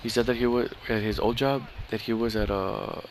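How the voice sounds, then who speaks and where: Rambling low-voiced man over game gunfire. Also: a little fast, a little hiss or hum. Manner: rambling, profane, full of fillers and restarts. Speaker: gamer chatting with a friend. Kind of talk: casual chat while playing a shooter game. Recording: steady game gunfire behind the voice. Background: gunfire and clicks from the game.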